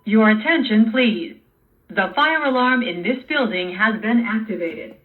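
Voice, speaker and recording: A woman's recorded emergency announcement played over a fire alarm loudspeaker, giving measured, formal instructions. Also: on the high side, lively intonation, distant mic. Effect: played through a fire alarm loudspeaker. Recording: tinny alarm speaker heard from across a room, faint hiss.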